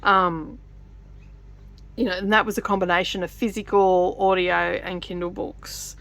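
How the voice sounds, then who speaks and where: A woman's voice: fairly low pitch, steady tone, gravelly, fairly bright tone. Woman rambling casually while stitching. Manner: rambling, with many fillers and restarts; pauses to count stitches. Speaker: vlogger.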